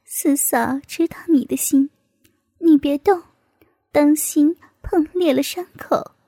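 A tender young wife speaks in a whispered role-play, as a woman puts her on. Her voice is high and mellow, drawn out slowly in hushed, intimate tones, close and dry. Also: no room sound.

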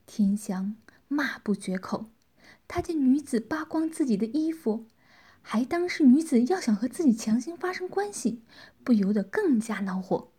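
A woman narrating a story in a soft, hushed whisper. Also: fairly high pitch, expressive, normal speed, breathy edge.

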